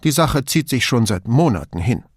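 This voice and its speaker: A man's voice: mid-range voice, sing-song, moderate pace, no echo, studio quality. A man reading an audiobook, playing a fussy, submissive male bureaucrat in a raised, pedantic voice.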